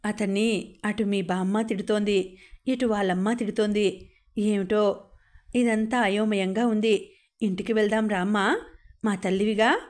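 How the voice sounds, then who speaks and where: A woman voicing a gentle, pleading middle-aged mother in an audiobook story. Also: mid-range voice, fairly even intonation, measured pace, long pauses, lightly acted. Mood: coaxing. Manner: coaxing, pleading.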